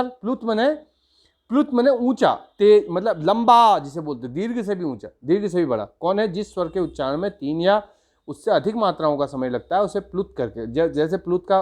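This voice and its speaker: A man's voice: high voice, darkish tone. A man with a slightly raised voice teaches grammar to schoolchildren in an Uttarakhand Hindi accent. He explains step by step, drawing out sounds and chanting his examples. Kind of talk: grammar lesson for school students.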